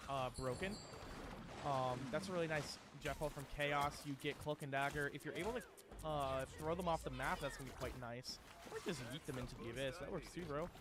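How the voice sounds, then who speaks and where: Laid-back, slangy esports caster guy. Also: on the high side. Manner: laid-back and chatty, calls people "bro" and "dude", trails off with fillers. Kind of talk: casual play-by-play game commentary.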